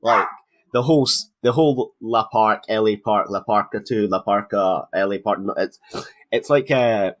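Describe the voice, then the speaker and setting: Male co-host, low register, conversational and analytical, informal wrestling talk. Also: moderate pace. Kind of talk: casual wrestling commentary chat.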